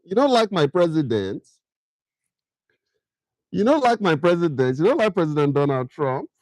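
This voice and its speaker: The livestream host is a middle-aged Nigerian man with a Nigerian accent who keeps asking viewers questions and slips into pidgin on a casual stream. He's very animated, with a fairly high, darkish voice at a moderate pace, and the recording is dry.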